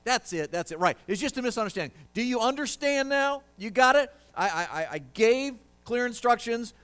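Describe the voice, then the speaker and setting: A man doing an exasperated shouting king. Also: huge pitch swings, fairly quick. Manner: loud, high, incredulous scolding. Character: angry exasperated ancient king, male.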